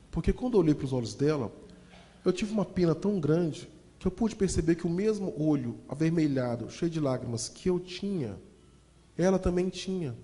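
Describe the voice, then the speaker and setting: A Brazilian man with a Brazilian Portuguese accent tells his story to a crowd, lively and direct with the audience. His voice is mellow yet sits a little high. A long hall reverb trails every phrase. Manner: lively, acts out voices, addresses audience as "gente". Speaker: motivational speaker and storyteller. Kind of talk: dramatic motivational storytelling.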